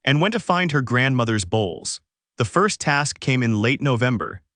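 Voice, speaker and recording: A man giving a measured, scripted story narration with deliberate pauses. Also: mid-range voice, big pitch swings, a bit bright, no echo, studio quality.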